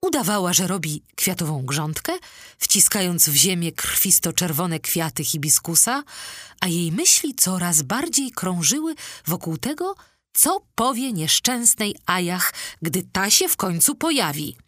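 A woman narrating an audiobook in a measured, expressive storytelling manner, recorded on a close studio mic. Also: lowish voice, dry recording. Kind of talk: scripted narration.

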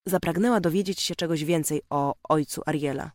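Audiobook narrator, calm measured delivery, dry close read. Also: mid-range voice, dry recording. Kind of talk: scripted narration.

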